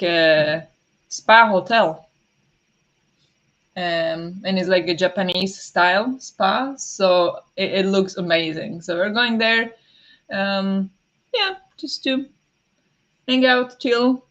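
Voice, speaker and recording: Streaming live from home one morning, a female host greets her viewers, apologizes and chats casually, laughing softly and using many fillers. The recording loses its highs; her voice sits in the mid range, occasionally goes raspy, and she keeps clearing her throat.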